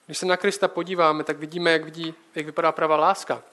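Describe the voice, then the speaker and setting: High-voiced young man preaching casually. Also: flat delivery, sharp tone. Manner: conversational, direct address with rhetorical questions.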